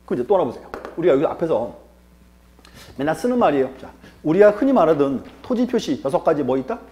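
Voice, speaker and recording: A man's voice: on the high side, sing-song, fast talker, warm tone. A male lecturer teaching an exam-prep class, asking rhetorical questions and answering them himself, repeating key terms for emphasis.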